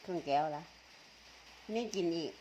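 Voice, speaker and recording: A woman's voice: moderate pace, warm tone, slight background noise. A woman with an Isan accent from northeastern Thailand, chatting casually and teasingly while eating, laughing often. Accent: Isan (northeastern Thai), Tai Yo. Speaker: vlogger.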